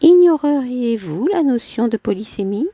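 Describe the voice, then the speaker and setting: A woman reading a novel aloud, voicing a haughty, sharp-tongued woman in a raised, pointed, questioning voice. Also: on the high side, animated, moderate pace, breathy edge, no room sound, dull audio, pitched above the performer's own voice. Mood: scornful.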